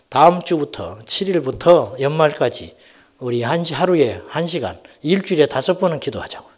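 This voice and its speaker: A middle-aged man preaching a Friday night sermon as senior pastor, telling folksy stories and swinging from loud exhortation to hushed asides. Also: fairly high pitch. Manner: animated, swings between shouting and near-whispering asides; folksy storytelling with acted quotes. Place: church sanctuary.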